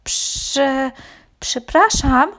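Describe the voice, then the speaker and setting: A woman voicing an excitable young male dog in a children's story, eager and a bit timid. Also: a little high, slow pace, pitched above the performer's own voice. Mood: timid apologetic.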